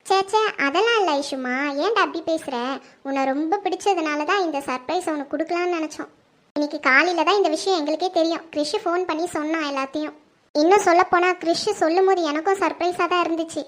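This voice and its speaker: A performer voicing a kind, gently teasing mother-in-law in a home-made family drama. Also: very high voice, fast. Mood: soothing.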